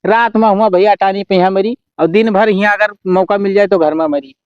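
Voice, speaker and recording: Man acting an exasperated high-voiced village father, Awadhi accent. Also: fairly even intonation, a little fast, clean tone, dry recording, dull audio, lightly acted. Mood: weary grumbling. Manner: complaining, grumbling. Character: exasperated, hard-working village father of grown children. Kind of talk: amateur comedy sketch dialogue in dialect.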